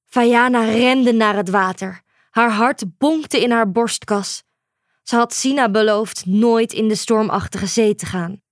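A woman narrating a children's storybook in a calm, measured way. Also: a little high, no room sound, clean studio sound. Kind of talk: storybook reading.

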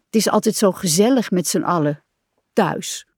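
A woman's voice: lowish voice, normal speed, darkish tone, breathy edge, no room sound, clean studio sound. A woman voicing a small, timid male frog who whines and complains in a storybook. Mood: plaintive. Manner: plaintive, complaining.

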